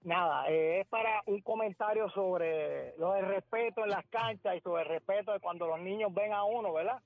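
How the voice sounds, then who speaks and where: A man's voice: sits high, moderate pace, gravelly, soft background music. A man calling in to a radio show with a polite, formal comment, heard over a phone line. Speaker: caller. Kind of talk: call-in comment.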